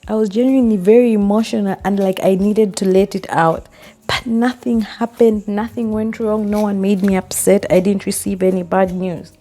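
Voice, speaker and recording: A woman's voice: medium pitch, steady tone, normal speed, dark tone. A woman vlogger telling a story in a chatty, casual way while doing her hair, laughing often and saying "like" a lot.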